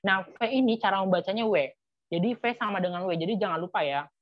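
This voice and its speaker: A woman's voice: mid-range voice, fast. A woman teaching a live online language lesson, patiently spelling out letters and repeating them, with casual fillers. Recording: slightly muffled dry sound.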